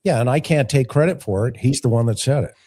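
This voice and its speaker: A man's voice: mid-range voice, fast talker, warm tone, breathy edge. A man hosting a live call-in show, giving casual, opinionated commentary in a blunt, folksy way with rhetorical asides. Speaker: talk show host and investigator.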